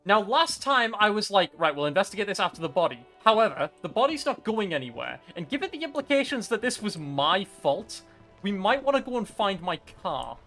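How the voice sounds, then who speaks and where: Excitable male let's-player, high and bright, chatty. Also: soft background music. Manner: chatty, excitable, quick asides. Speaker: gaming streamer. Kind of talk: let's-play commentary.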